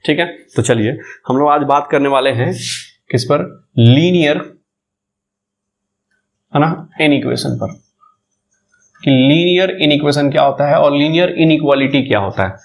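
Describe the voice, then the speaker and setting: A man's voice: a little high, moderate pace, creaky, long pauses. A man with a Bihari Hindi accent teaching a maths lecture, often asking the class questions and repeating key terms, with English words mixed into his Hindi. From India.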